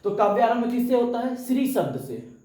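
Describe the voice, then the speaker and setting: A man's voice: extremely high pitch, very animated, normal speed, warm tone, roomy sound, low-quality recording. A man teaching a live coaching lesson. He asks questions and answers them himself, and sometimes chants verses.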